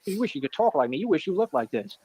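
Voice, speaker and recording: A man's voice: high-pitched, sing-song, fast talker, background noise. A man in his thirties bragging and taunting in brash, repetitive trash talk. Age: 30s. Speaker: streamer in a played clip.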